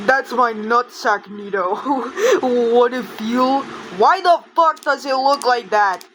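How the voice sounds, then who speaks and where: A woman reads aloud casually in a fairly high voice. Her pace is very slow, broken up by hiccups and giggling laughter as she reacts. There is some noise in the background. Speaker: video creator reading short-video comments aloud.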